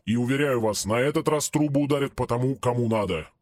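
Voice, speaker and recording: A man's voice: medium pitch, quick pace, darkish tone, no echo, clean studio sound, close to an everyday voice. A man reading an audiobook and voicing an exasperated, sarcastic male investigator who scolds everyone around him. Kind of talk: audiobook character voice.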